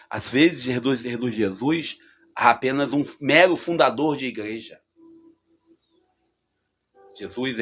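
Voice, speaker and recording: A man's voice: mid-range voice, fairly bright tone, breathy edge. A man giving a conversational gospel reflection, with fillers and emphatic rises. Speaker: preacher.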